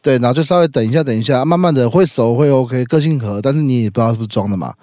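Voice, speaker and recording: A man's voice: medium pitch, rapid-fire, warm tone, no room sound, studio quality. A man with a Taiwanese accent in casual chat, reacting readily and repeating phrases for emphasis.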